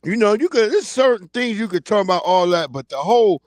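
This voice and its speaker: A man in his forties hosts a casual commentary livestream on a streaming mic, bluntly ranting in slang about the day's news. His voice is high-pitched and a little mellow, with lively intonation and a fairly quick pace, and there's no echo.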